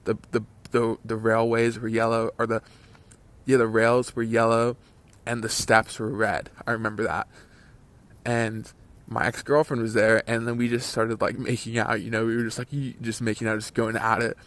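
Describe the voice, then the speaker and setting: A man in his twenties who hosts a channel tells a long, rambling story over gameplay, full of fillers and restarts. He speaks at normal speed in a mid-range, monotone voice that sounds a bit bright.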